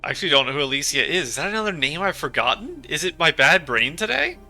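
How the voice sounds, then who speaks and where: A man's voice: on the high side, big pitch swings, fast, pushed and bright, faint music behind. A man giving casual let's play commentary, musing and speculating aloud as he goes.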